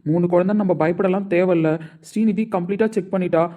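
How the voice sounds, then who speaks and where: A woman voicing an adult man who calmly reassures his relative. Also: on the low side, fast talker, pitched below the performer's own voice, close to an everyday voice. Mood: reassuring. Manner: plain, matter-of-fact reassurance.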